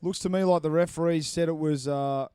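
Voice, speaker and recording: A man's voice: fairly high pitch, steady tone, fairly quick, darkish tone, clear, resonant tone, dry recording, studio quality. Chatty man calling a match. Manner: chatty, reads out viewer chat messages. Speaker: sports commentator. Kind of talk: live play-by-play commentary.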